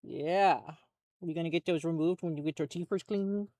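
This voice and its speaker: A woman's voice: normal speed, warm tone, no echo. Chatty woman painting at her desk. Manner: chatty, slips into high baby talk with her dogs. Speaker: prop maker. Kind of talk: casual chat while painting. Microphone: phone used as webcam.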